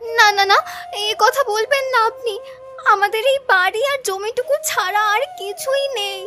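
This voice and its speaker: A woman's voice: very high voice, normal speed, pushed and bright, soft background music. A woman voicing a desperate young village woman in a cartoon, pleading tearfully for more time.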